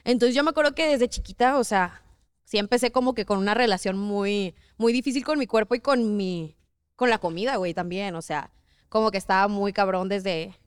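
A woman's voice: medium pitch, fairly quick, clean tone, no echo, clean studio sound. A young woman with a Mexican Spanish accent, a podcast guest talking casually and candidly in slang. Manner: slangy, candid, laughs easily. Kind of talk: casual chat.

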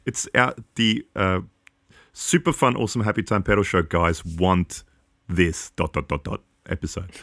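A man's voice: lowish voice, wildly swooping pitch, slow, a bit bright, dry recording, clean studio sound. A man in his forties co-hosting a podcast, giving earnest, long, rambling opinions in casual chat. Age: 40s. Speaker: podcast co-host.

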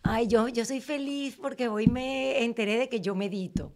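A woman hosting a podcast, chatty and expressive in a casual conversation, sometimes dropping into English. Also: on the high side, moderate pace, over a noisy crowd. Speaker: podcast host.

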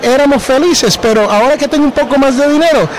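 A man's voice: very high voice, quick pace, slight background noise, rough recording. A man hosting a podcast interview, chatting casually and slipping English words into his talk. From New Jersey. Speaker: podcast host.

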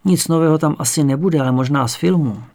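A man reading the lines of a frail, kindly old comic actor lying in bed, slow and gentle. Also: on the high side, lightly acted.

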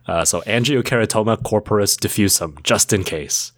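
A man's voice: on the low side, moderate pace, fairly bright tone, dry recording. A man co-hosting a casual educational podcast, walking through medical facts with playful mnemonics. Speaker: podcast co-host.

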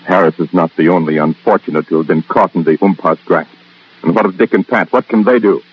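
A man's voice: brisk, breathy edge, highs cut off. A man announcing upcoming radio shows in an upbeat promotional style, heard from an old 1940s broadcast transcription disc. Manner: lively, upbeat sales-pitch delivery.

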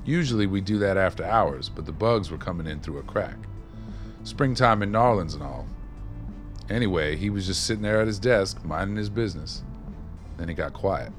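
Faint music plays behind a man with a low, natural voice talking at normal speed. He is acting in a radio play as a former maintenance man, streetwise and wry, who looks back on old times with folksy, colloquial storytelling.

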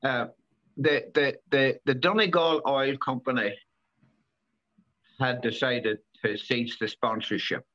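A man in his seventies, a former rally driver, talking in a casual interview, halting and repeating words with many fillers. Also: medium pitch, steady tone, pushed and bright. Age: 70s. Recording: dull lo-fi recording.

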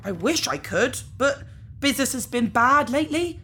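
Voicing a laid-back, apologetic organ harvester for a sci-fi audio drama, this woman has a high, expressive voice with a sharp tone, moving at normal speed. A faint hiss or hum sits under her politely awkward, hesitant, nonchalant lines.

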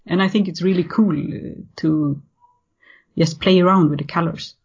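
A woman's voice: lowish voice, fairly even intonation, moderate pace, creaky, husky. Hesitant Swedish woman in her thirties. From Sweden. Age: 30s. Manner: hesitant, many fillers and restarts. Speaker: podcast guest. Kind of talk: casual interview. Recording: muffled lo-fi audio.

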